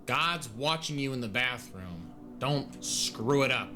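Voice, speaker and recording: A man's voice: medium pitch, animated, takes it slowly, over music. A man doing casual, jokey gaming commentary as a let's play host, full of slang.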